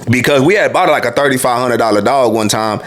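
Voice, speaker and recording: A man's voice: mid-range voice, fast talker, a bit bright. A man in his late twenties, a former truck driver, telling his own story in a loose, profane, casual monologue full of "you feel me.". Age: 20s.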